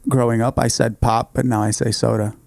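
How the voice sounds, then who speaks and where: A man's voice: mid-range voice, little pitch movement, brisk, vocal fry, a little mellow, dry recording. A man in his thirties, co-hosting a podcast in casual chat, laid-back and laughing often. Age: 30s. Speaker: podcast co-host.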